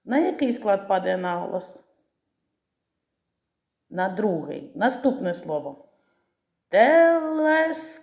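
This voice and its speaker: A woman teacher leads young children through a literacy lesson, drawing each word out syllable by syllable. Her voice is mellow and unhurried. The recording carries a roomy echo. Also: lowish voice, big pitch swings, creaky. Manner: slow, syllable-stretching pronunciation of words. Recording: echoey room.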